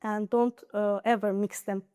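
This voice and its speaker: Her voice medium-pitched, mellow, clear and resonant with little pitch movement, a young Nakhchivan-accented woman from Azerbaijan's Nakhchivan region speaks a little slowly. As an IELTS high scorer being interviewed casually, she gives earnest study advice with frequent fillers and restarts. There is no echo.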